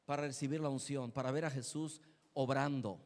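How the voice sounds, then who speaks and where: A man preaching a testimony in a sermon, telling his story in an animated way and acting out the scenes. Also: medium pitch, moderate pace. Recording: long church reverb.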